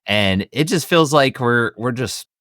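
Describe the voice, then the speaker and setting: A middle-aged American man hosts a casual podcast, sounding chatty, upbeat and enthusiastic. His mid-range voice is expressive and a bit bright, and he speaks at a measured pace. The recording is clean studio sound with no room ambience.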